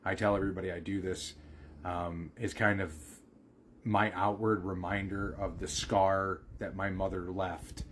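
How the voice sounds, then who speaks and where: Low-voiced rambling man on a live stream. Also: level tone, a little slow, fairly bright tone, a little hiss or hum. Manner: rambling, many ums. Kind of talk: casual chat on a live stream.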